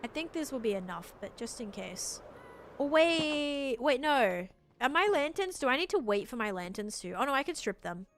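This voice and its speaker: A woman livestreaming a game in casual chat, rambling and thinking aloud as she answers viewers, with expressive jumps in pitch and volume. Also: moderate pace, slight background noise. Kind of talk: casual gameplay stream chat. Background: music.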